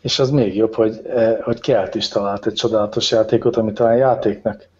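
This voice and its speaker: A man's voice: fairly low pitch, fairly even intonation, darkish tone. A man hosting a podcast, leading the conversation in a wry, teasing, casual way. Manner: leads the talk, wry and teasing. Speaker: podcast host. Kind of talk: casual chat. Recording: dull lo-fi recording.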